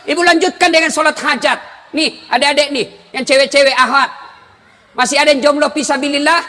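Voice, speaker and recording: A male preacher giving a humorous sermon, joking and often shouting to the congregation. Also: very high-pitched, in a large hall, slight background noise.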